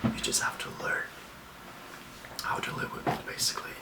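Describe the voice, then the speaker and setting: A young man from Lithuania, giving soft, reassuring self-care tips in a whispered ASMR talk. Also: roomy sound, recorded from a distance, rough recording. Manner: soft, slow and gently reassuring. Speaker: ASMR host.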